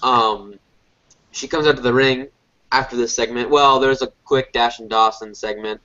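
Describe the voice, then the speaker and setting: A man's voice: medium pitch, fairly even intonation, moderate pace, pushed and bright. A man co-hosting a casual review podcast, congested as if a little sick, rambling with lots of fillers and restarts. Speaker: podcast co-host. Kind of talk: casual wrestling review chat. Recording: dull lo-fi podcast audio.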